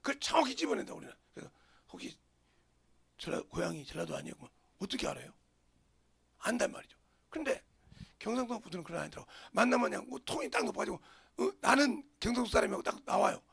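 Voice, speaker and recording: A male pastor from the region, preaching a sermon in an animated way and dropping into whispers for emphasis. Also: high voice, quick pace, gravelly. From Jeolla, Korea.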